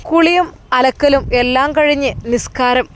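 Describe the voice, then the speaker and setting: A woman with a Malappuram Malayalam accent narrates a family story. She tells it emotively in a somewhat high voice. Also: normal speed.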